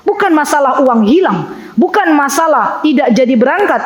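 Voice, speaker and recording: A high-pitched woman preaching to a women's study circle. She talks in a lively way and keeps asking her listeners questions. Her voice rings out with a long echo, as in a large hall. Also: moderate pace. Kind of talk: religious study lecture to women. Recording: echoey hall with long reverb.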